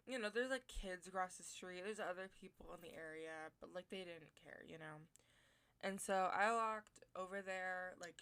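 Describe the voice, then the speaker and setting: A woman's voice: lowish voice, a bit bright. A teenage girl telling a rambling personal story with many fillers, as a voice-over for a building video. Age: teens. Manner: rambling, many likes and you knows. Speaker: vlogger.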